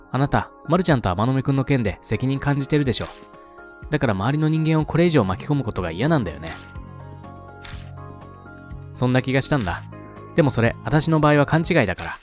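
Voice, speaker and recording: A man's voice: medium pitch, expressive, fairly quick, pauses often, close to an everyday voice. Frank, breezy young woman ally, read by a man, faint music beneath.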